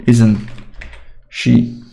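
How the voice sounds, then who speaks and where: A man's voice: drawn-out words, rough recording. Casual young man teaching grammar. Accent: Slovak. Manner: relaxed, informal and chatty, repeats phrases. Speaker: English teacher. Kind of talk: casual online grammar lesson.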